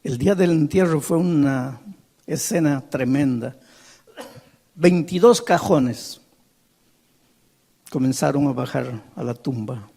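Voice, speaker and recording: A man preaching a sermon, telling a story dramatically, swelling loud and dropping to a hush. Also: slow pace, creaky, long pauses, breathy edge. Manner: dramatic, swells loud and high, then drops quiet.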